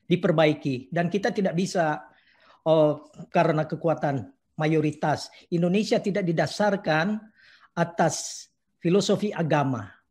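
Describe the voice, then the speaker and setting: A man's voice: sits high, darkish tone. A man speaking as a guest in a live video call discussion, earnest and outspoken, making long statements. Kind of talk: earnest opinion talk.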